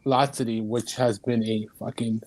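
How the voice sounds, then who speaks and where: A man's voice: medium pitch, little pitch movement, normal speed, a little mellow, no room sound. Blunt, emphatic male panelist. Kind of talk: casual podcast chat.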